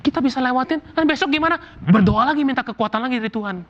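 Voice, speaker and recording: A man from Indonesia preaching a sermon as pastor, animated and casual, acting out everyday complaints. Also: very high voice, very fast, highs cut off. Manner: animated, acts out quoted complaints in casual slang.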